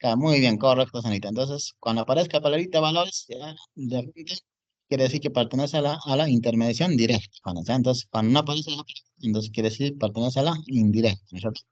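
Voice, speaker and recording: A man's voice: medium pitch, fast, dry recording. A man teaching a class, typing on screen as he explains and often asking the students if they follow. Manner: repeats "jóvenes" and "¿no es cierto?" often; talks while typing on screen. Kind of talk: online class lecture. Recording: dull dry recording.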